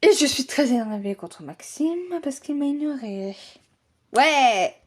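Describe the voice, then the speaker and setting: Slow-talking, high-voiced woman vlogger. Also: expressive. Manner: chatty, ranting. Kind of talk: casual vlog chat.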